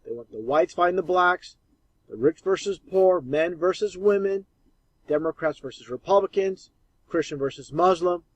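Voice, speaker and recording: A man's voice: high-pitched, normal speed, no room sound. A man narrating a voice-over in a scornful, mocking way. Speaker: video narrator. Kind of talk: conspiracy commentary voice-over.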